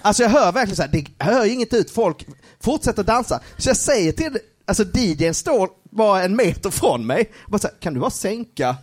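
A man's voice: sits high, lively intonation. A young man telling a funny story on a live podcast, laughing often and using many filler words.

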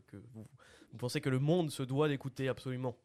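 A man's voice: medium pitch, steady tone, a little fast, darkish tone, a little hiss or hum. A young man hosting a casual podcast chat, talking with lots of hesitant fillers. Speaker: podcast host.

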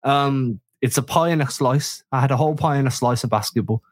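A man co-hosting a basketball podcast, breaking down the game with quick joking asides. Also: mid-range voice, no echo. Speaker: podcast co-host. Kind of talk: casual sports chat.

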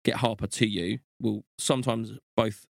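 A man's voice: fairly low pitch, fairly even intonation, moderate pace, creaky, no echo, studio quality. A young man co-hosting a podcast with his partner, easygoing and teasing. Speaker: podcast co-host. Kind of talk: casual chat.

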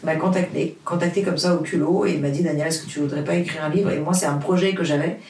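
This is a woman from Portugal, an author and native Portuguese speaker, being interviewed informally. She talks fast in a low, darkish voice with a steady tone, recorded with a roomy, distant sound. Her manner is earnest but halting, with frequent fillers and restarts.

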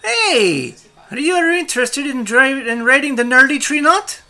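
A game master doing a friendly little goblin ride keeper in a tabletop game, chirping in a high, bright voice, sometimes from farther off the mic. He swaps his words for nonsense rhymes and stays curious. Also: sing-song, normal speed, full character voice. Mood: chirpy. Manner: chirpy, talks in rhyming slang.

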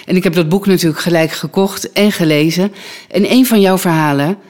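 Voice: medium pitch, a little fast, a little mellow. An interviewer in a conversational interview who chattily retells a story, with frequent fillers.

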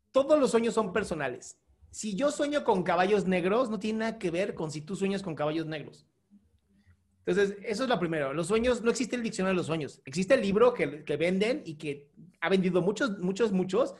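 A man's voice: high voice, lively intonation, brisk, darkish tone. A man with a Mexican accent, a psychologist giving frank, colloquial advice to a caller on his show. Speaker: psychologist host.

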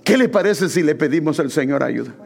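A man's voice: a little high, lively intonation, brisk, gravelly, darkish tone. A man preaching a sermon, calling his listeners brother and pressing them with repeated questions.

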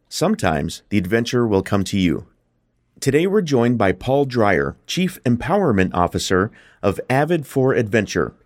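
A man hosting a podcast, reading a scripted introduction and asking his guest questions in a measured way. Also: mid-range voice. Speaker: podcast host. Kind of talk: scripted podcast host narration.

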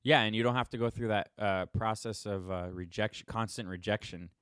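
A man's voice: on the low side, steady tone, fairly quick, a bit bright, clean tone, dry recording, clean studio sound. A man hosting a casual chat, joking and teasing his guest.

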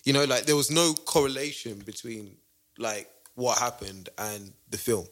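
A young man giving opinions in casual chat, haltingly, repeating words and often saying like. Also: medium pitch, fairly bright tone. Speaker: podcast co-host.

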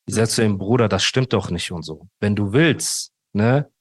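A man's voice: fairly low pitch, normal speed, dry recording, clean studio sound. A man in a casual interview, telling a long story and acting out the quoted dialogue of others. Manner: animated, acts out quoted dialogue, says "Bruder" often. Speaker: guest telling his story.

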